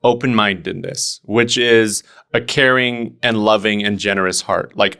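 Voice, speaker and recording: A creaky, fairly bright medium-pitched voice belongs to a young Oregon comedian guesting on a podcast. He keeps it casual and sincere, stumbling through plenty of fillers and false starts.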